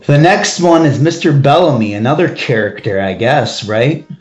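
A man's voice: mid-range voice, lively intonation, moderate pace, reverberant, soft background music. A man co-hosting a casual album review chat, enthusiastic and steering the track-by-track talk. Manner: enthusiastic, leads the track order and asks his partner's view. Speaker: podcast co-host reviewing an album.

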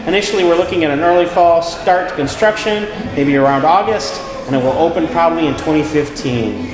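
A man's voice: a little high, fairly quick. A man co-hosting a casual podcast, chatting and reading out news items, recorded with a hallway echo. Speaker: podcast co-host. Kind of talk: casual podcast chat and news read-outs. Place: echoey room at a venue. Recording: echoey hallway-like room, music behind.

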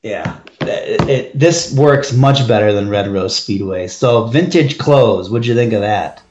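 A man's voice: fairly low pitch, unhurried, reverberant, lo-fi sound, noisy background. A man co-hosting a casual album review chat, enthusiastic and steering the track-by-track talk. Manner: enthusiastic, leads the track order and asks his partner's view. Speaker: podcast co-host reviewing an album.

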